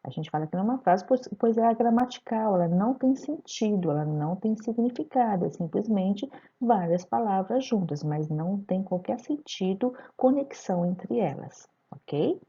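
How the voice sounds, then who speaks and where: A woman's voice: mid-range voice, animated, moderate pace, hardly any pauses, dark tone, slightly rough, muffled recording. A woman teacher giving a recorded grammar lesson, explaining terms step by step and asking her students rhetorical questions. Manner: didactic, addresses students directly with rhetorical questions.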